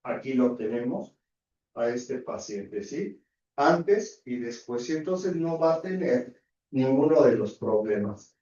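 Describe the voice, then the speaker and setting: A surgeon with a Mexican Spanish accent gives a university anatomy lecture in a mid-range, expressive, slow and mellow voice, constantly peppering it with rhetorical questions and tag checks. The audio is echoey, distant and dull, typical of a lecture hall.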